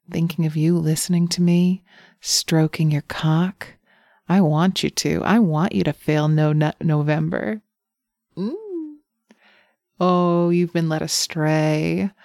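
A wicked, playful succubus purrs in a low, unhurried voice with a gravelly edge, played by a woman. She teases and often sinks into breathy whispers right at the mic. The sound is dry and close, with no room around it. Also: warm tone, dry recording. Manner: teasing, breathy, slips into whispers. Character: seductive teasing female succubus, playful and wicked. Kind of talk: erotic audio roleplay.

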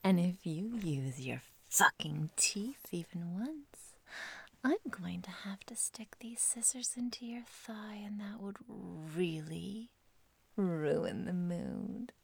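A woman playing an obsessive, controlling stalker in an audio roleplay, whispering breathily and giggling softly as she teases and threatens. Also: lowish voice, gravelly, husky, no echo, heavily acted. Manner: slow, teasing, softly threatening. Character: obsessive menacing female stalker, teasing and controlling.

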